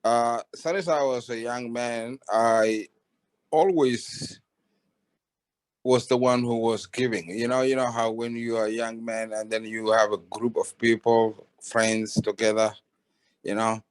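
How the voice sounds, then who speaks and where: A man from Somalia giving a halting personal testimony on a video call, with many restarts and fillers. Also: medium pitch, steady tone. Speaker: webinar participant. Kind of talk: casual testimony.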